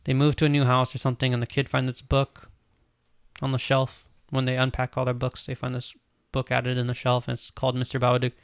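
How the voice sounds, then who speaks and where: Man, relaxed podcast co-host. Rambling, filler-heavy delivery, dry close sound. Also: medium pitch, fairly quick, dry recording. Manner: loose, rambling, lots of "like" and "um". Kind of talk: casual movie news chat.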